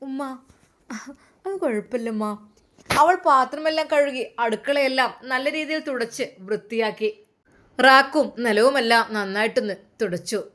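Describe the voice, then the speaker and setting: A woman narrating a family story in an earnest, expressive way. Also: high-pitched, moderate pace.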